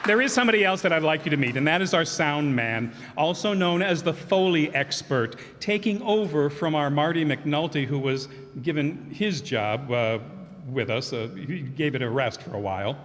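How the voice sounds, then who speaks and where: Standing before an audience in an echoey hall with faint background noise, a man who hosts and acts in a community radio theater group thanks cast and crew at curtain call. His voice is somewhat high and fairly bright with lively intonation and a moderate pace, and he rambles, correcting himself amid fillers.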